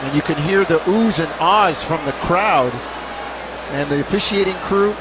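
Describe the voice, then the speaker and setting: A man's voice: a little high, unhurried. A man doing live basketball play-by-play commentary in clipped, short phrases. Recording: courtside arena noise behind voice. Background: basketball arena crowd and bouncing balls.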